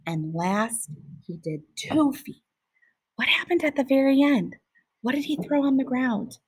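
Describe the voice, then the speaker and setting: A woman teacher reading a picture book aloud to children, expressive and pausing to ask questions. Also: sits high, husky, no room sound, low-quality recording. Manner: expressive, asks listeners questions.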